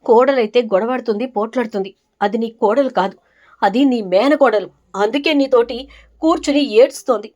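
Earnest pleading son, read by a woman, higher voice. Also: brisk, a little mellow, highs cut off, close to an everyday voice. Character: grown son, pleading and reasoning with mother.

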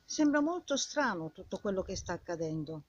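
An older woman with a husky old woman's voice delivers an indignant, scolding monologue straight at the listener, full of rhetorical questions and repeated phrases. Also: mid-range voice, sing-song, normal speed. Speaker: vlogger. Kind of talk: impassioned informal monologue addressed to the viewer. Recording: dull lo-fi sound.

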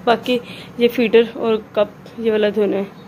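A woman, a mother quietly narrating her housework at home in a casual vlog. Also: little pitch movement, a little slow, lo-fi sound, slight background noise. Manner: soft, low-key running commentary on chores. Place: home indoors.

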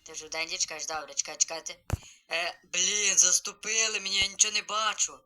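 A man live-streaming a game, chatty and excited, greeting viewers as he plays. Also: high-pitched, quick pace, a little hiss or hum, poor audio.

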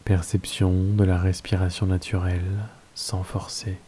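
Calm deep-voiced man guiding meditation. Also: a little hiss or hum. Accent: French. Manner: slow, calm, soft-spoken instructions. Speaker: meditation guide. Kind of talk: guided yoga nidra meditation.

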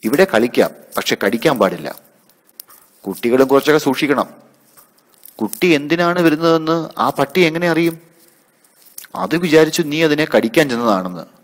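A man voicing a stern male park keeper who lectures everyone loudly and firmly. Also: fairly high pitch, lively intonation, normal speed, long pauses, big-room sound, voice pushed up, lightly acted. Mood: stern lecturing. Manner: firm, loud, lecturing.

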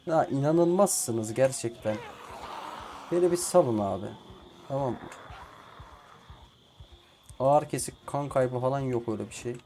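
A man's voice: medium pitch, a little slow, long pauses, mellow, a little hiss or hum. A man playing a survival game and commenting casually, swearing at the game and talking to himself and the characters on screen. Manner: frustrated, swears at the game often. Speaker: gameplay streamer. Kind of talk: casual let's play commentary.

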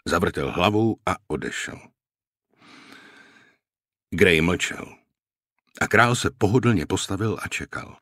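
Deep, husky male audiobook narrator. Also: dry recording, studio quality. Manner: measured, even storytelling. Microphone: close studio mic.

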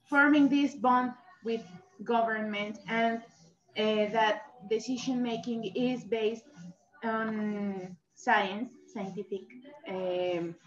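Slow-spoken woman with a Mexican accent. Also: fairly high pitch. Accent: Mexican Spanish. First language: Spanish. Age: young adult. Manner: slow, halting, searching for words. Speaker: workshop participant. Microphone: video call. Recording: echoey, dull video-call audio.

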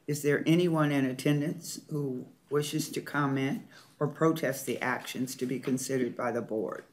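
Serving as board president, this man runs a formal procedural meeting, working through the agenda and calling for motions and votes. He speaks at a normal speed in a mid-range voice with fairly even intonation.

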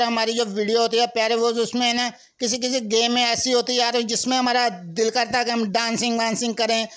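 A young man with a Pakistani Urdu accent giving chatty, excitable commentary over a car stunt game, often calling out to his viewers. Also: very high voice, clear, resonant tone. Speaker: gaming channel host. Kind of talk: casual gameplay commentary.

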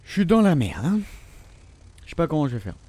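A man's voice: on the high side, huge pitch swings, brisk, mellow, slightly rough, dry recording. A young man giving let's play commentary, swearing and taunting the enemies as he plays. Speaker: gaming video host. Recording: faint game gunfire underneath.

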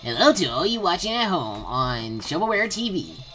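A woman giving excitable gameplay commentary, blurting out reactions and reading game dialogue aloud. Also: on the low side, normal speed, faint music behind. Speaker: gamer recording gameplay.

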